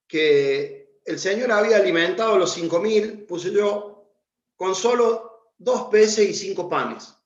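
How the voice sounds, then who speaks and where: A man preaching a sermon and reading from the Bible, in a conversational way with fillers. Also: sits high. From Argentina. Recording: echoey room, dull lo-fi sound.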